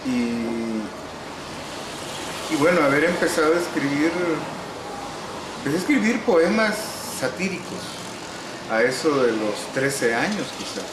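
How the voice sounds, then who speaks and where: A Salvadoran novelist answers interview questions while reminiscing in a relaxed way. He speaks Salvadoran Spanish in a somewhat high, very animated voice, unhurried and wry, often pausing with "eh." The room is echoey and there is background noise.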